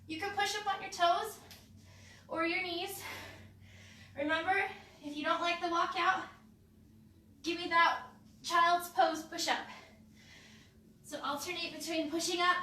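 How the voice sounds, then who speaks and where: A woman's voice: extremely high pitch, fairly even intonation, slow, pauses often, bright, forceful tone, distant mic, slight background noise. A woman leading a live home workout, upbeat as she cues the moves and counts reps. She sounds sniffly with a runny nose. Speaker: fitness instructor. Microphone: camera mic from a distance. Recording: echoey room, voice away from the mic.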